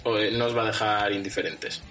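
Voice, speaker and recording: A man with a slightly deep voice talks as a podcast co-host. He analyses sport in a casual, conversational way while faint guitar music plays behind him. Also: fairly quick, fairly bright tone, poor audio.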